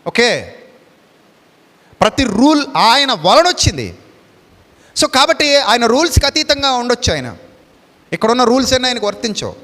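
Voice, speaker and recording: High-voiced preacher in a reverberant hall. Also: male voice, sing-song, moderate pace, long pauses, bright, forceful tone. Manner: emphatic preaching, repeats phrases, mixes in English words. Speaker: pastor. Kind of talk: Telugu sermon with Bible reading.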